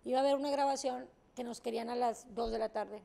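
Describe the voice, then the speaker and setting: Blunt, high, gravelly woman. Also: steady tone, quick pace, dark tone, a little hiss or hum. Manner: blunt, emphatic, swears casually. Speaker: talk show guest. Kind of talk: candid interview storytelling.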